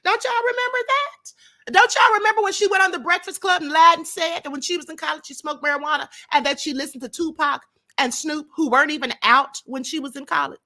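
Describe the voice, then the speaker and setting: Speaking fast in a high, bright voice, this middle-aged livestream host keeps her intonation fairly even while her tone stays forceful. She offers opinionated commentary to her live chat and peppers the audience with rhetorical questions.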